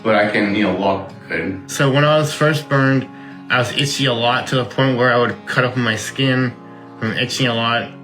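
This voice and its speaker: A man's voice: on the low side, bright, forceful tone, low-quality recording. A man talking casually and explaining as an interviewee, his words slightly blunted by lips that do not fully move, as if numb. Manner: slightly impeded lip articulation, as if numb-lipped. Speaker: interviewee, transplant patient.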